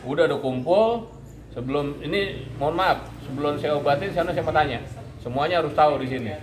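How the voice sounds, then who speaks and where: A man, an Islamic preacher, tells a story in relaxed talk and acts out each person's lines in lively bursts. His voice sits a little high. It is recorded in an echoing room with a crowd murmuring behind him. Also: fairly quick. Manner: animated storyteller acting out quoted voices.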